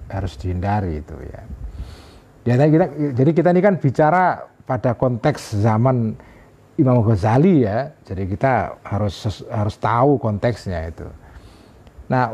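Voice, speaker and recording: A man's voice: on the low side, warm tone, breathy edge. A man teaching an informal religious lesson, translating Arabic phrases line by line and often adding "ya". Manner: explains Arabic text phrase by phrase with frequent "ya". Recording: dull lo-fi recording.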